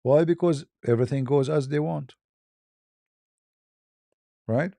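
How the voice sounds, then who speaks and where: Gravelly-voiced man talking casually. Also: on the high side, measured pace, dark tone, no echo, studio quality. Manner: conversational, repeats and restarts words, plain non-native English phrasing. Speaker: online religious debater. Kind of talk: casual monologue answering questions.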